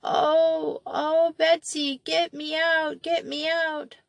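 A woman's voice: sits high, little pitch movement, takes it slowly, gravelly, dry recording, voice pushed up, exaggerated voice. A woman voicing a frightened little girl trapped in a pit, sobbing and pleading.

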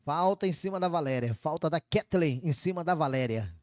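A man's voice: a little high, lively intonation, fairly quick, no echo. A Brazilian man calling a football match live, play by play.

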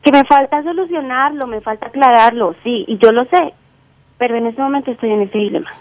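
High-voiced young woman, radio caller. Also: brisk, no room sound. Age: 20s. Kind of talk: radio call-in, casual personal talk. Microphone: phone. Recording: dull lo-fi phone line.

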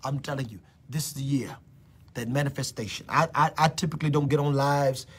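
Husky-voiced preacher man prophesying on a livestream. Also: medium pitch, fairly even intonation, brisk. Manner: repeats phrases, swings from shouting to whispering. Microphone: phone.

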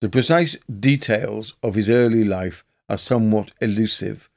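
A man narrating a scripted history episode in a measured, documentary-style reading. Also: lowish voice, vocal fry, darkish tone.

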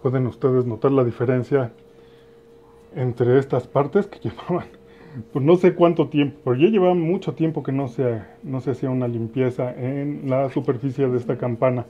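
Recorded on a phone camera, this man's mid-range voice has a moderate pace and phone-quality sound. He speaks with a Mexican accent, addressing viewers directly in a relaxed way while demonstrating a cleaning product indoors in a kitchen.

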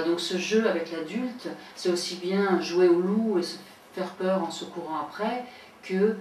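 A woman educator explaining child development in a measured way, pausing and using fillers. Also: lowish voice. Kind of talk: explanatory commentary. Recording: roomy sound from a distant mic, faint noise.

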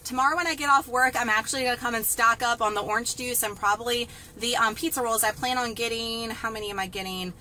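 Talking fast with hardly any pauses, this woman has a fairly high, pushed and bright voice with fairly even intonation. She's a couponing vlogger giving a casual, chatty deal walkthrough in a store and later a parked car, addressing "y'all" and "guys" upbeat over noisy surroundings.

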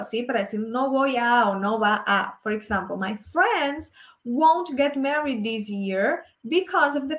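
Profesora argentina paciente, voz aguda y pausada. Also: female voice, high-pitched, roomy sound. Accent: Argentine Spanish. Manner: patient, drills examples slowly, checks understanding often. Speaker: English teacher. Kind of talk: live online English lesson.

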